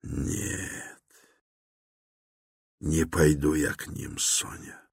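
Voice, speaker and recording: A man's voice: a bass voice, very slow, gravelly, slightly rough, dry recording, studio quality, exaggerated voice. A man voicing a tormented young man who speaks in an intense, brooding, confessional way, within a dramatic novel reading. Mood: gloomy.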